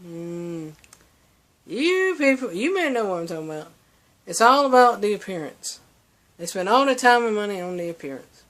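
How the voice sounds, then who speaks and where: A young man with a high voice rants at length in a preachy monologue. He stumbles through restarts and fillers as he lectures his listeners. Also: very animated, normal speed, fairly bright tone. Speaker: vlogger. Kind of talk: opinion monologue to camera.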